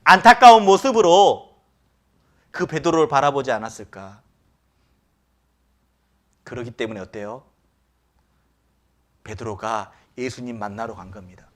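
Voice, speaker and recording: A man's voice: mid-range voice, a little slow, long pauses. A man preaching a sermon as pastor in a church, often asking the congregation rhetorical questions. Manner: acts out quoted lines with sudden loud outbursts.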